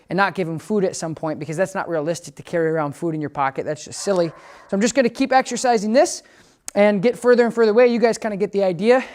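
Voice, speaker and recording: A man working as a dog trainer, casually explaining his method to viewers and breaking into high, upbeat praise and commands for the dog. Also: darkish tone. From United States. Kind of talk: instructional training demo. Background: background music.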